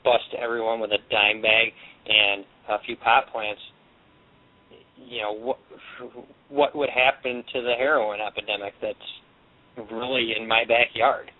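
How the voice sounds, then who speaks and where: A man's voice: mid-range voice, steady tone, a little slow. A man speaking as a guest on a radio show over the phone, earnest and rambling with restarts. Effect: voice heard over the phone. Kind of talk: casual radio talk. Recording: tinny phone line.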